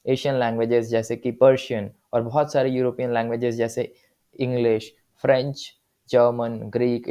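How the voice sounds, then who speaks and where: A man's voice: medium pitch, mellow. A man teaching a lesson patiently, often checking in with his students, with in his phrases. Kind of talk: explanatory lesson, mixing Hindi and English.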